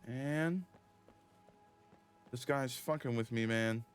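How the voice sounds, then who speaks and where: Profane, excitable man streaming a game. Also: medium pitch, slow pace, clean tone, faint music behind. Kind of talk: casual gaming commentary.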